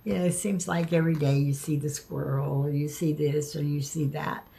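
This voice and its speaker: Slow low voiced lady w missing front teeth, lispy n slurred, bit creaky, stumbles on words in a casual vlog. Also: fairly even intonation, warm tone. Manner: halting, stumbles and repeats words. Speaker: video creator. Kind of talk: casual spoken vlog, partly reading aloud.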